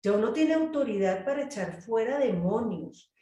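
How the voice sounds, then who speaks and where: A woman's voice: fairly high pitch, normal speed, roomy sound, distant mic. A woman leading a group Bible study, speaking animatedly and acting out prayers and quotes. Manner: animated, acts out prayers and quotes in changing voices.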